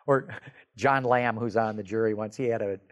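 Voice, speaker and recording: A man's voice: fairly low pitch, moderate pace, lo-fi sound. A man hosting a casual studio talk show, talking with enthusiasm and often repeating words. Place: studio showroom.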